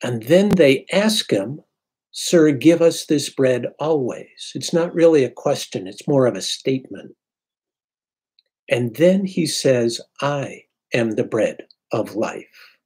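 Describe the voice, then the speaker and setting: A man in his sixties, a priest, giving an unhurried, reflective sermon from his home study into a webcam. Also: mid-range voice, lively intonation, darkish tone, breathy edge. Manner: unhurried, reflective preaching with pauses. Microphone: webcam at desk.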